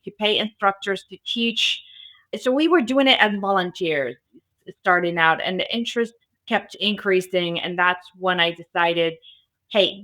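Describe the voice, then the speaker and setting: This podcast interview in the Las Vegas area features a woman guest who founded a cybersecurity school. She is from an Arabic-speaking country, Arabic is her first language, and her voice is bright and medium in pitch.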